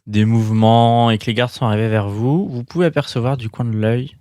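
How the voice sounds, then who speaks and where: A man runs a tabletop role-playing game, describing scenes and calling for rolls as he goes. His voice sits at a middle pitch and is recorded very dry. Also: fairly quick, darkish tone, no echo. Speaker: game master. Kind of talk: improvised tabletop game narration.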